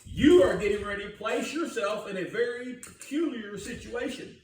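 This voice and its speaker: An older man serves as pastor here, giving a sermon in a church sanctuary in a folksy, narrative style and regularly questioning the congregation. His voice sits high and moves at a moderate pace, recorded from afar in a roomy church space.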